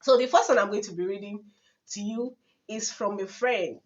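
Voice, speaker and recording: A woman's voice: medium pitch, normal speed. A young Nigerian woman with a Nigerian accent tells story-time anecdotes in a casual vlog, dramatic and laughing often. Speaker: vlogger. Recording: dull lo-fi recording.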